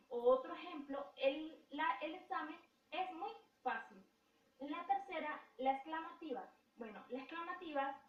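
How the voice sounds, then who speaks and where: High-voiced young woman presenting, far off. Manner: reads definitions with hesitant fillers. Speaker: student presenter. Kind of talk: class presentation. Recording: dull roomy sound from far off.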